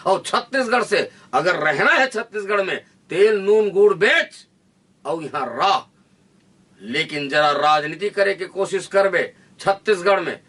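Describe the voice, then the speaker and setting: Fiery high-voiced Chhattisgarhi man. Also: distant mic. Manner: forceful, declaiming, repetitive rallying lines. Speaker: interviewee, activist leader. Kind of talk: fiery political speech.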